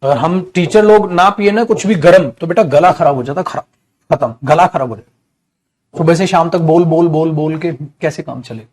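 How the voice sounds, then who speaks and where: Teaching English grammar in a live online class, a man with a fairly high, somewhat dark voice explains through rhetorical questions. He reads example sentences very slowly and affectionately calls his students beta.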